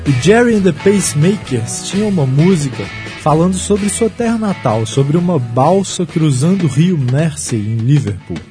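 A Brazilian man hosts with scripted historical narration. His voice sits a little high and his delivery is wry. Guitar music plays clearly behind him. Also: very animated, normal speed, hardly any pauses. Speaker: narrator and host.

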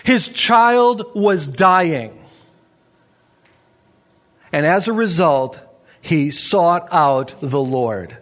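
A man with a fairly high voice preaches a sermon. He tells stories with lively, swinging intonation and sinks to low, hushed tones for emphasis. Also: extremely slow, long pauses. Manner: animated storytelling with big pitch swings; drops to low, quiet emphasis. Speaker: pastor.

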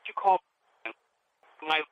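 A man, an archbishop, answering an interview question over a phone call that keeps breaking up and cutting his sentences off. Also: no room sound. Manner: halting, sentences cut off mid-word. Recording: tinny, dry phone line.

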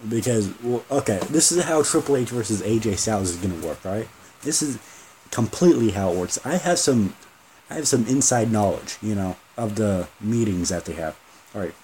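A low-voiced man rants on his solo podcast, jumping between ideas and swearing freely. His tone is dark and mellow, with a faint noise floor underneath. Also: poor audio. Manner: rambling, profane, joking. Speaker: podcast host. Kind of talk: casual solo podcast rant.

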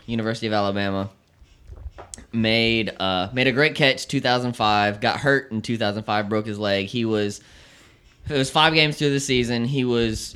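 A man co-hosting a casual talk show, explaining at length with many restarts and pauses. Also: lowish voice, fairly bright tone, clean tone. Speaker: podcast co-host. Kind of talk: casual chat.

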